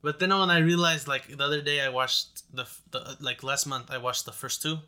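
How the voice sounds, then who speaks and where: A man's voice: medium pitch, level tone, brisk, pushed and bright, clean tone. A young man co-hosting a casual movie chat, rambling in frat-bro slang full of "like". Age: young adult. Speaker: podcast co-host.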